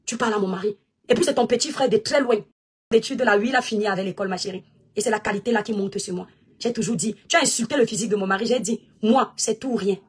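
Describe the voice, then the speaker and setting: A woman's voice: a little high, breathy edge. A woman delivering a combative, mocking rant aimed at a rival, taunting her and insisting over and over. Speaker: online personality answering a rival.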